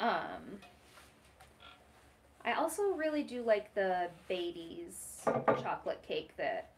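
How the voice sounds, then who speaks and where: A woman's voice: on the low side, wildly swooping pitch, takes it slowly. A woman hosting a live stream from a shop basement, chatting casually and greeting viewers by name. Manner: casual, reads out viewer names and chats. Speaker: host running the live stream and camera.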